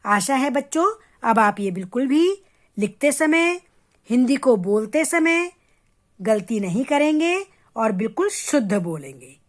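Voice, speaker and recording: A woman's voice: on the high side, sing-song, a little slow. A woman teaching children the Hindi vowel signs, stretching out each example word and stopping to check that they follow. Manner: stretches out example words syllable by syllable; patient, checks understanding with questions. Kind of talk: slow, careful lesson for children.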